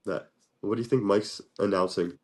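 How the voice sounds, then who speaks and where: A man's voice: lowish voice, fairly even intonation, normal speed, darkish tone. A man co-hosting a casual podcast over a remote call whose audio keeps breaking up and sounding choppy. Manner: loose, swears casually, lots of fillers. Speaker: podcast co-host, lawn business owner.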